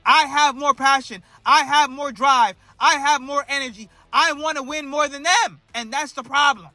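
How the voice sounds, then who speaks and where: A man delivers a heated, exasperated rant, hammering one rhetorical question after another. His voice sits very high and cuts with a hard, piercing edge. The recording is completely dry, with no room sound. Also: steady tone, normal speed, no echo. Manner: ranting, fires off repeated rhetorical questions; exasperated, swings between shouting and muttering. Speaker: basketball fan commentator. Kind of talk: heated fan rant to camera.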